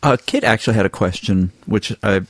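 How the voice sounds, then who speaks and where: A man with a lowish voice hosts a laid-back podcast interview. He asks questions easily and loosely, filling gaps with "uh" and "like". His voice is recorded dry and close. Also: brisk, no room sound. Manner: easygoing, asks questions with filler words. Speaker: podcast host. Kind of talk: casual interview chat.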